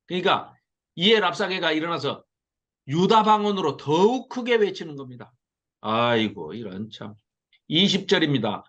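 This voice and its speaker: Lively male Bible teacher, high voice, muffled lo-fi class recording. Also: moderate pace. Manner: animated, mocks the invaders in acted quotes. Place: classroom with a small audience.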